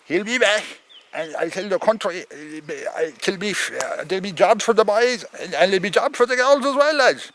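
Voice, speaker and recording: A man's voice: high-pitched, fairly bright tone, slight background noise. A man with a thick rural Irish accent giving a rambling comic monologue as an opinionated farmer, stammering, repeating himself and swearing.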